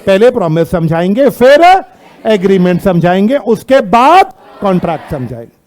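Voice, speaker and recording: A man with an Indian accent teaching a classroom law lecture, constantly quizzing students with rhetorical questions and reading out English text slowly. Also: sits high, very animated, a little mellow.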